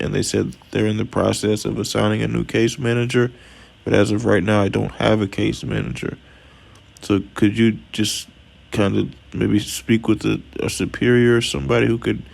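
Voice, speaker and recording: A man's voice: on the low side, gravelly, a little mellow. A man calling customer service as a member, speaking hesitantly but persistently. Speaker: customer on a call. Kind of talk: customer service phone call.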